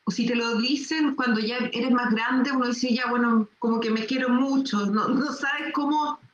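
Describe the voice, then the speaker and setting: A woman hosting a studio interview, asking halting questions full of restarts. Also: fairly high pitch, steady tone, reverberant, dull audio. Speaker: host.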